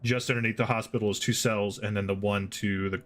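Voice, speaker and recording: Low-voiced man running a tabletop game. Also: fairly even intonation, fairly quick. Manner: explains rules step by step. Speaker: game master.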